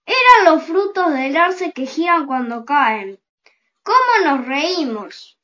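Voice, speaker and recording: A reader telling a children's story aloud, with gentle and unhurried storytelling. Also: sits high, very animated, lo-fi sound. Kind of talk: slow storybook reading aloud.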